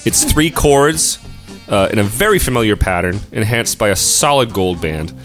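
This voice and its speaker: A man's voice: on the low side, lively intonation, moderate pace, a bit bright. A man co-hosting a music debate podcast, reading prepared arguments with a dry, sardonic wit. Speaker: podcast co-host.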